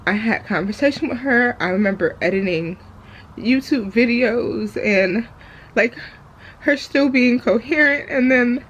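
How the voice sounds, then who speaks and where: A woman talking candidly in a raw personal vlog, hesitant and halting as she confides in viewers. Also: a little high, a bit bright, dull audio, slight background noise. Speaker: vlogger. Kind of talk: raw confessional vlog talk.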